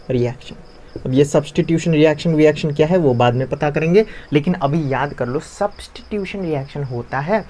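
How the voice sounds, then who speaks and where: A man with a fairly high voice, teaching in a loose, chatty classroom style. He keeps asking questions and answering them himself, repeating each key term so it sticks. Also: darkish tone, slight background noise. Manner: conversational, asks and answers his own questions, repeats key terms.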